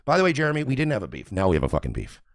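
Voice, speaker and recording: A man's voice: fairly low pitch, huge pitch swings, very fast, no room sound, studio quality. A man hosting a radio show, ranting in a profane, mocking, repetitive way. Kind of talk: ranting commentary.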